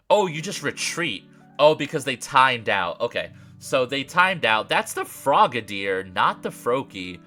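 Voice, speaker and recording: A young man with a congested, nasal voice from allergies, chatting casually through a card game with frequent fillers and throat clearing. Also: medium pitch, big pitch swings, unhurried, bright, forceful tone, soft background music. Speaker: gaming creator. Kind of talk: casual gameplay commentary.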